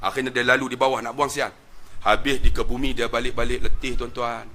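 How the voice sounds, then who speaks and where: A man with a Malaysian Malay accent, preaching a sermon as a story, animated, with big swings of pitch and volume. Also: a little fast, slight background noise.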